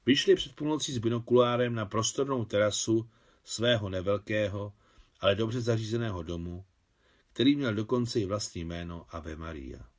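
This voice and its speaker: A man, the translator of a novel, giving a measured, even reading of it aloud. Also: lowish voice. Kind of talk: literary audiobook reading.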